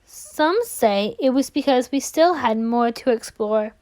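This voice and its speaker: A woman reads a children's picture book aloud in an expressive storytelling style, stretching out words for emphasis. Her voice sits on the high side, and she takes an unhurried pace.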